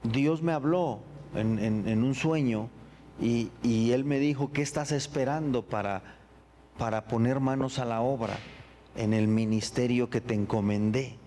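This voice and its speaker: A middle-aged pastor shares his personal testimony during a sermon, telling his story in an earnest, reflective way with halting, repeated words. His voice is medium-pitched and mellow, with slight background noise.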